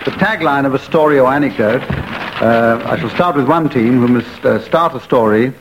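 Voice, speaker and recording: Deadpan man chairing a panel game. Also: mid-range voice, moderate pace, background noise. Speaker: quiz show chairman. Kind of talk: radio panel game hosting.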